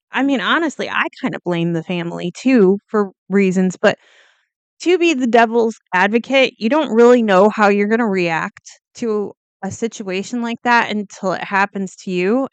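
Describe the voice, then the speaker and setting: A woman in casual commentary who talks bluntly and wanders into side remarks. Her voice is smooth and resonant. The recording is dry, with no room sound around it. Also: mid-range voice, no echo. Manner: blunt, chatty, swears, goes off on tangents. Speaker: true crime video host. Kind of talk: casual true crime commentary.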